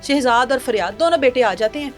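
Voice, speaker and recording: A woman's voice: a little high, lively intonation, faint music behind. A woman from Pakistan presenting a news show, retelling a crime case in an indignant, moralizing way and acting out quotes. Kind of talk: emotional crime story retelling.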